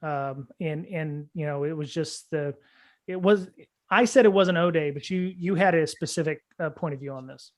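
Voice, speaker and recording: Rambling, higher-voiced male podcast host. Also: normal speed. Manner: rambling, many fillers and restarts. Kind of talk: casual security podcast chat.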